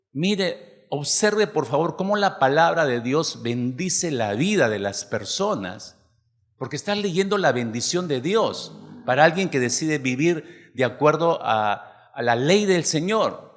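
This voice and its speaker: A man's voice: fairly high pitch, fairly bright tone. A man preaching a sermon, often asking the congregation rhetorical questions. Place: church hall. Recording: long hall reverb.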